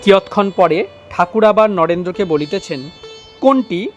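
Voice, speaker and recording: A man reading a devotional text aloud in a slow, measured recitation. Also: high-pitched, animated, faint music behind. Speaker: reader.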